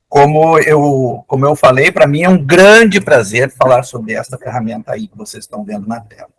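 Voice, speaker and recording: A man's voice: medium pitch, expressive, moderate pace, a bit bright, husky, poor audio. An older man giving an online lecture as a guest genealogist, explaining in an enthusiastic, conversational way over a video call.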